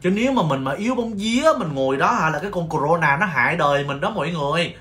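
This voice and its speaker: A man from Vietnam who owns a nail salon, telling stories on his livestream in an animated, exclaiming way with mock-scolding rants. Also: on the high side, fast. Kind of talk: casual storytelling livestream.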